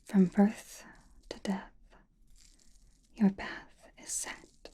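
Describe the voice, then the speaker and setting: An ASMR performer plays a mysterious, attentive sorceress fortune-teller, whispering softly and deliberately close to the mic. Her breathy, mostly unvoiced whisper is slow and soothing, with soft pauses and a calm, mystical mood.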